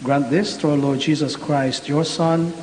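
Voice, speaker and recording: A man, a priest intoning prayers in a measured way at an online Mass, his voice carrying a cathedral echo. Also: on the high side, fairly even intonation, darkish tone. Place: large church. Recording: echoey hall with faint hiss.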